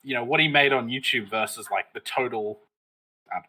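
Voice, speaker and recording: A man's voice: mid-range voice, normal speed, sharp tone, poor audio. A man co-hosting a casual chat show, rambling with lots of fillers and laughing often. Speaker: co-host.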